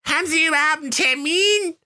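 A man playing the devil's shrill old grandmother. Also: brisk, sharp tone, full character voice. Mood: sly. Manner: fussy, sweetly menacing. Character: shrill old she-devil grandmother, doting yet sly.

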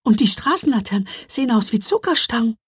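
A man's voice: very high voice, expressive, quick pace, fairly bright tone, breathy edge, no echo, studio quality, pitched above the performer's own voice, exaggerated voice. A man voicing a cheerful, easily amazed little girl in a storybook reading, squealing with wonder.

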